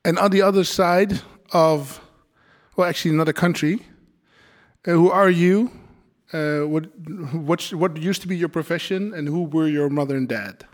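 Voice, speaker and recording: A man's voice: on the high side, normal speed. A man hosting a podcast, introducing his guests and asking them questions in an informal, slightly hesitant way. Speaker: podcast host.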